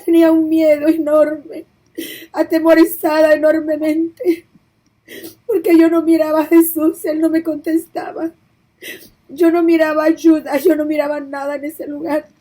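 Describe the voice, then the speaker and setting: A woman's voice: sits high, level tone, a little slow, warm tone, poor audio. A woman preacher giving an emotional testimony of a vision, her voice breaking into tears as she pleads and repeats herself. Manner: repetitive, pleading storytelling.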